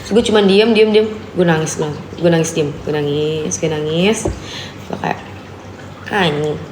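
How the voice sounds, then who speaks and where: A woman's voice: deep voice, normal speed, darkish tone. A young woman, telling a personal story on a casual live stream and acting out the dialogue. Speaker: guest storyteller. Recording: echoey room with faint background noise.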